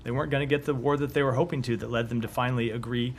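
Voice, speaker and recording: A man addresses reporters from a briefing-room podium, his voice roughened and hoarse. He speaks in a measured way, often restarting his sentences. A faint background noise sits under the podium mic. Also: mid-range voice, fairly even intonation. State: hoarse, coughing. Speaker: government spokesperson. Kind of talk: press briefing.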